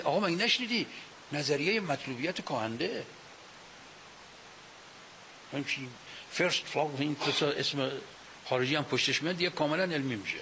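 A man's voice: on the high side, low-quality recording. A man giving a religious lecture to an audience on a microphone, arguing his points through many rhetorical questions. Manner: animated, argumentative, asks rhetorical questions. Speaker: cleric lecturer. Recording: faint hiss.

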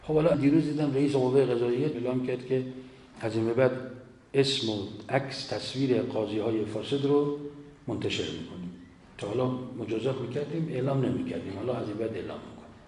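A man delivering a sermon, forceful and full of rhetorical questions. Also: medium pitch. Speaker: cleric. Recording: echoey hall with faint ambience.

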